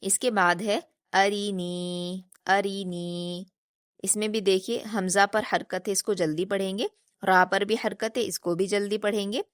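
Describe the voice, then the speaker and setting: A woman teaching a recitation class in a patient, explanatory way. She poses questions to her students and answers them herself, and she stretches the drilled sounds slowly. Her voice sits at a middling pitch in a dry, close recording with no room echo. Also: fairly even intonation. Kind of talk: online recitation lesson.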